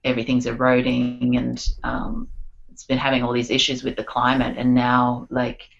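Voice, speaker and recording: A woman's voice: a bass voice, completely flat delivery, normal speed, gravelly, dull audio, soft background music. A woman, chatting casually as a guest on a podcast, peppering her talk with "like" and "um". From Australia. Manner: chatty, lots of "like" and "um". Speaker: guest singer-songwriter.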